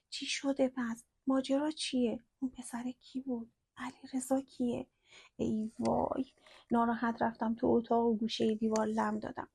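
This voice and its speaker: A woman narrating a first-person story in a slow, hushed storytelling manner. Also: on the high side, vocal fry, slightly rough, no room sound, clean studio sound.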